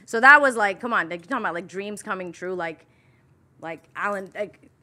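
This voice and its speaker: A woman in her thirties from Iran, a brash, animated podcast guest who swears freely, on a studio mic with headphones. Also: medium pitch, brisk. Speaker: guest, cannabis roller and marketer. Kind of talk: casual podcast interview.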